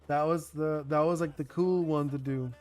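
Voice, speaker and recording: His voice is a little high and darkish, with a steady tone and ordinary pace. The young man, originally a Spanish speaker, designs a card game on a live stream and chats in a rambling way full of "like" and restarts, faint music audible behind him.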